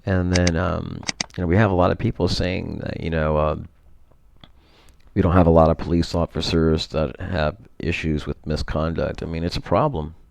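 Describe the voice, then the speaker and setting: A man's voice: very deep voice, flat delivery, moderate pace, creaky, a little mellow. A man vlogging at home, talking through what is on his screen in a rambling way, full of fillers and self-corrections. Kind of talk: casual screen-share commentary.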